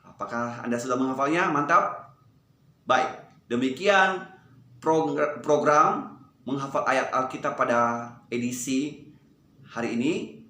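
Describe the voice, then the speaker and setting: A young man guides listeners through memorizing a Bible verse. He counts them in and recites the verse slowly, over and over, in a clear, bright voice. The room gives his voice a noticeable echo. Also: medium pitch. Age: young adult. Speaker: seminary student leading Bible verse memorization. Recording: roomy echo.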